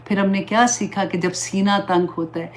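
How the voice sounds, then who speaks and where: A woman's voice: mid-range voice, fairly even intonation, a little hiss or hum. Earnest woman giving a religious talk. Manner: earnest, pleading, mixes English words into Urdu. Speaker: Islamic teacher.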